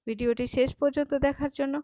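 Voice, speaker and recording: A woman's voice: high voice, fairly even intonation, fast, warm tone, no echo. Woman, Bengali accent, teacher, methodical grammar lesson, dry close mic. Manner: methodical, drawing out words syllable by syllable. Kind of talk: grammar lesson, reading and answering workbook questions.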